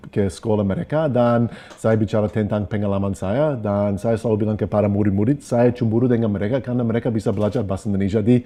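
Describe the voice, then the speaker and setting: Low, mellow Australian man speaking Indonesian as a foreigner. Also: steady tone, fast talker, hardly any pauses. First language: English. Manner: foreigner speaking Indonesian as a second language, mixing in English words. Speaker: interview guest, former footballer and sports diplomacy advocate. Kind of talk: conversational interview.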